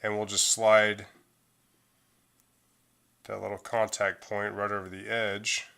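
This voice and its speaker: Speaking slowly with vocal fry, a middle-aged man explains a phone repair as he works through it. His slightly low voice sounds bright and forward, and he talks in a relaxed, loose way, with many fillers and restarts.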